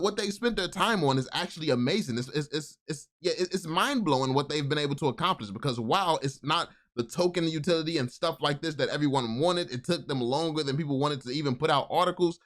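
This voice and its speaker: A man's voice: on the high side, a bit bright. A man giving casual, enthusiastic video commentary, often repeating and restarting his words. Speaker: crypto YouTube commentator.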